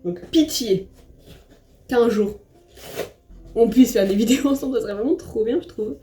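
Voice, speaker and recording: A woman's voice: fairly high pitch, fairly quick. A young woman from France chatting casually while doing her makeup, rambling and self-deprecating, with lots of fillers and restarts. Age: young adult. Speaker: vlogger. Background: soft background music.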